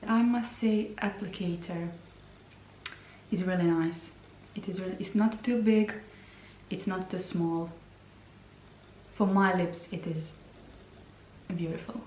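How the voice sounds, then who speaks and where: Slow, hesitant woman in a roomy space. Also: lowish voice, darkish tone, a little hiss or hum. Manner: slow, hesitant, repeats words. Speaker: beauty vlogger. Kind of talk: product review and swatches. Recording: roomy sound from a distance.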